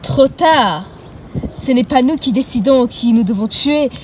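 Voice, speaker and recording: A woman's voice: high-pitched, a little mellow, a little hiss or hum. A girl voicing a gloating female killer. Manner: taunting, slow and gloating. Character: menacing female killer, mocking and cruel.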